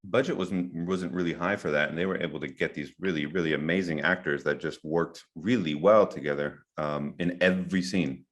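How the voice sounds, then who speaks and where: A man's voice: low voice, brisk, hardly any pauses. A young adult man co-hosting a podcast, laid-back and teasing as he debates movies. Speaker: podcast co-host. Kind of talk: casual film debate.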